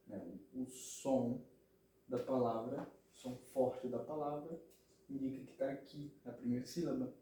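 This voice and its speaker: Slow, patient man in echoey room. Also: mid-range voice, mellow. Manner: patient, repeats words and checks understanding with "ok?". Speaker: Hebrew grammar teacher. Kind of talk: explanatory lesson. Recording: very echoey room, mic at a distance.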